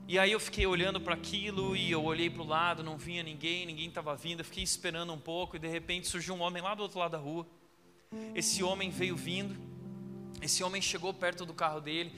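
A man's voice: high voice, fairly even intonation, fast talker. A man pastor preaching a sermon, telling a story and building to emphatic exhortation in a church hall. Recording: long hall reverb with background music.

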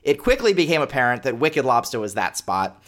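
A man's voice: mid-range voice, big pitch swings, brisk, a bit bright. A man in his thirties hosting his own solo podcast, talking in a chatty, self-deprecating, conversational way. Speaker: podcast host. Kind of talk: casual solo podcast monologue.

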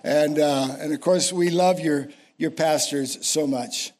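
Casting: American man, 60s, guest preacher, slightly high voice, emphatic delivery with repeated phrases. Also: fairly even intonation, measured pace, a little mellow. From United States. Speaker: senior pastor, guest preacher. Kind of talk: sermon. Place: speaking to a church congregation.

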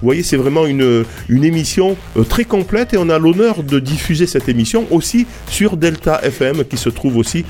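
A man's voice: a little high, sing-song, normal speed, hardly any pauses, a little mellow. A man hosting a radio interview, talking with many hesitations and restarts from a studio. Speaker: radio show host.

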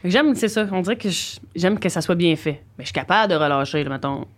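A woman's voice: lowish voice, fast. A woman from the Gaspésie with a strong Gaspésie Quebec French accent, telling slangy stories with plenty of laughter as a comedian guest on a casual podcast. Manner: lively storyteller, slangy, laughs often.

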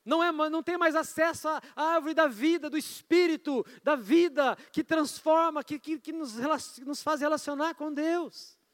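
A man's voice: very high-pitched, moderate pace, fairly bright tone. A man with a Brazilian Portuguese accent preaching a sermon in a casual, conversational way, often prompting the congregation. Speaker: pastor. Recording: long church-hall reverb.

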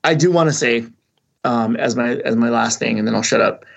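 A man's voice: mid-range voice, brisk, vocal fry, dull audio. A man co-hosting a podcast, talking casually and rambling, with many restarts and fillers. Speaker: podcast co-host. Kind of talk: casual chat.

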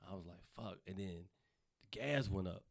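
A man from North Carolina with a Southern accent, telling profane, animated stories in a casual podcast chat. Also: sits low, normal speed, gravelly.

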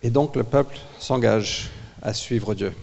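Gravelly French-speaking preacher in a big echoing hall. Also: male voice, medium pitch, measured pace, highs cut off. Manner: lively, dramatic, acts out voices of people. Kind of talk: sermon with live interpreter. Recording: reverberant church hall.

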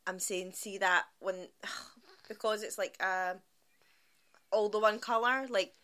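A woman's voice: medium pitch, fairly even intonation, slow, bright, forceful tone. A young Scottish woman co-hosting a podcast, chatting casually, telling stories animatedly and laughing often. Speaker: podcast co-host. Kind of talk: casual chat.

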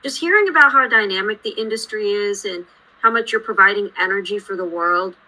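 A woman in her late twenties with a very bright, sharp voice, born in India and raised in Houston. She talks as a guest engineer on a podcast. Her delivery is measured and explanatory. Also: medium pitch, rough recording. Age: late 20s. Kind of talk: podcast interview.

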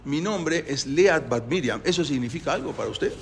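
A man voicing a composed woman surgeon who speaks calmly. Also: on the high side, normal speed, breathy edge.

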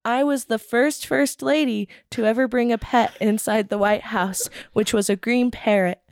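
A woman putting on her nervous schoolgirl self, reciting a memorized speech as a First Lady in a stiff monotone, in a dry room. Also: on the high side, moderate pace, dry recording, pitched above the performer's own voice, lightly acted. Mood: nervous recital.

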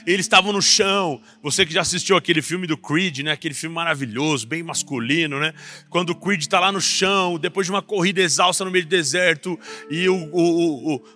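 A young Brazilian man preaching a personal testimony as a pastor, rising to intense passages and dropping back soft. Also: on the high side. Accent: Brazilian Portuguese. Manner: builds to intense raised passages, then drops soft. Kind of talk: sermon testimony. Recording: faint music underneath.

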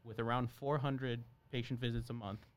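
A young Brazilian medical student, a native Portuguese speaker, chats earnestly as a guest in casual conversation, laughing often. His medium-pitched voice is smooth and fairly even, moving a little fast.

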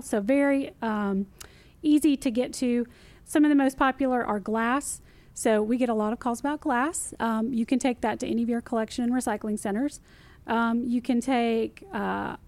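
A woman walks listeners through what can be recycled. Her voice sits a little high, and she is chatty and animated, with lots of emphasis and repetition. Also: no room sound. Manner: lively, emphatic, repeats key phrases. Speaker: city recycling guest expert. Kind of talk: casual explanatory interview talk.

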